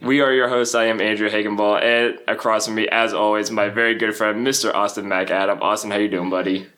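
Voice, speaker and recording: A man with a fairly low voice co-hosts a casual sports podcast. He talks in an upbeat, friendly way and keeps the chat moving. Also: flat delivery, a little fast, a bit bright. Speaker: co-host.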